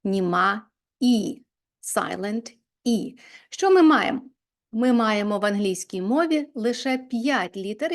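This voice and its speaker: A woman's voice: fairly high pitch, a little mellow. A woman teaching English spelling in a video lesson, explaining patiently step by step and reading example words aloud.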